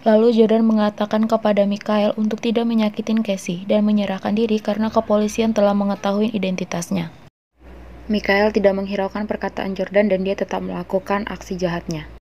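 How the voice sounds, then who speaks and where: A woman's voice: medium pitch, dark tone, a little hiss or hum. A woman narrating a film recap in a casual, chatty way, slipping in slangy joking asides.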